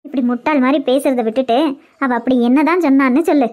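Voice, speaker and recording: In this cartoon web series, a woman voices a scolding but caring elder aunt with a Kanyakumari Tamil accent, sounding bossy and coaxing. Her voice sits high and is fast, a little mellow and natural, with fairly even intonation.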